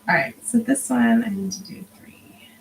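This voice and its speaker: Chatting casually while stitching on a livestream, a woman in her thirties sounds tired and yawns, often lowering to a half-whisper to count. Her voice is a little high with vocal fry and a normal pace, and the poor audio has a little hiss or hum.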